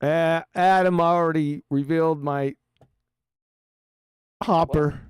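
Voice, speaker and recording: A man's voice: on the high side, steady tone, slow, smooth, no echo, clean studio sound. A man hosting a live panel, talking casually and bluntly. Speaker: panel show host.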